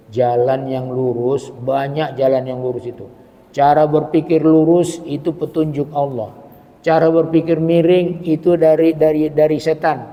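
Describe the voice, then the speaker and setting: An older man giving a Quran exegesis lecture as a preacher, animated and repeating phrases for emphasis. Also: fairly high pitch, big-room sound. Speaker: Islamic preacher.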